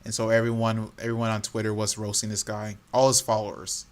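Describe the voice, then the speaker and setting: Man, podcast co-host, casual chat, animated, laughing storyteller. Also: lowish voice, fairly quick.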